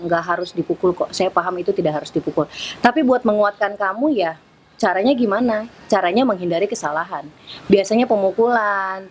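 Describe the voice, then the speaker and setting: A middle-aged woman reads out her followers' questions and answers them with firm, parental advice in a casual Q&A vlog. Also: fairly high pitch.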